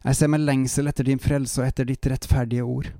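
Calm Norwegian man reading scripture. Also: medium pitch, no room sound, studio quality. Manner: calm, measured reading with short reflective asides. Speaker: Bible reader and preacher. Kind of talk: Bible reading with devotional commentary.

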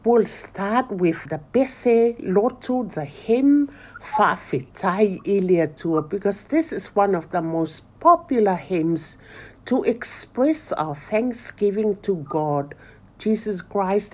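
A woman teaching phrases in a measured, instructional way, pausing between short groups of words. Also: mid-range voice, lively intonation. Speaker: guest language teacher.

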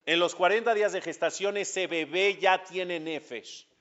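A man's voice: high-pitched, a little slow. A man teaching a religious class as a rabbi, acting out dialogue and asking his listeners questions. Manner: animated storyteller acting out dialogue, asks the audience questions. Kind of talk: religious lesson. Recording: dull lo-fi recording.

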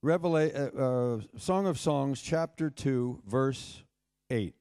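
A man preaching a sermon to a congregation in an animated way, acting out the voices he quotes. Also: mid-range voice, takes it slowly, smooth. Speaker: pastor. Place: congregation hall, door open to wind.

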